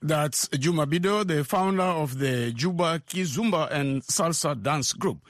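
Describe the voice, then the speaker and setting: Man, slightly high pitch, dry studio sound, radio news presenter, interviewer. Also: unhurried, no echo.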